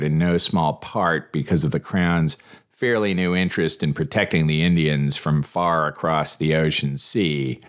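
A man's voice: a bass voice, fairly bright tone. A man hosting a history podcast, reading scripted narration with wry asides and carefully sounding out Spanish names in a way.

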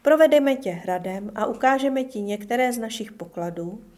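A woman voicing a gentle old grandfather in a storybook reading, speaking softly and reassuringly. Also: on the high side, expressive, close to an everyday voice. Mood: tender. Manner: soft, loving, reassuring.

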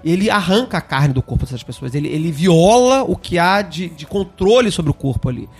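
A man's voice: a little high, animated, a little fast, husky, faint music behind. A man hosts a podcast discussion, thinking aloud and repeating himself as he talks. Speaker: podcast host. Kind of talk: casual discussion of an esoteric text.

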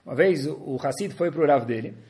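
A man's voice: a little high, a little fast. A middle-aged man, a religious teacher giving a sermon and animatedly telling a story. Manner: animated storyteller, acts out voices.

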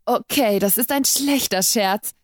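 A bound and terrified young woman, as a female reader puts her on pleads in a voice that cracks and climbs high with panic. Her delivery is slow and dragging. The booth sound is dry and close. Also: a little mellow, dry recording. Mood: panicked pleading.

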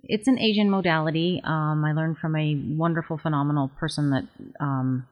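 A middle-aged woman with a notably low voice explains her work as a medium in an unhurried, explanatory way. Her talk is full of "um" and "you know." She comes through a dull, worn lo-fi tape copy with the highs rolled off. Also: steady tone. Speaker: psychic medium and Reiki teacher being interviewed. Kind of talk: conversational interview answers. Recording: muffled lo-fi interview tape.

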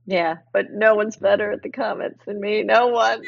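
A woman's voice: mid-range voice, normal speed, vocal fry, dry recording, lo-fi sound. A woman entrepreneur in a casual panel chat on a video call, telling stories animatedly and often checking in with "right?". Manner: animated, storytelling with frequent "right?". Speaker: entrepreneur guest.

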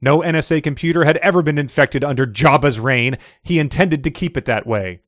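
A man's voice: on the high side, brisk, a bit bright, dry recording, studio quality. A man hosting a podcast who reads story excerpts aloud, chats casually and laughs often. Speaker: podcast host.

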